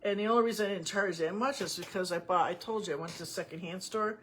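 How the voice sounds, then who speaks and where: A woman's voice: fairly low pitch, fast talker, a bit bright, slight background noise. A woman giving a casual painting tutorial, talking in a rambling, folksy way with lots of asides. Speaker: painting teacher.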